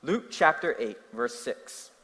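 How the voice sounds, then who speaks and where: This young preacher from New Jersey has a medium-pitched voice, a New Jersey accent, and a slow pace. His sermon is full of animated stories and questions for his listeners, and the recording carries long hall reverb.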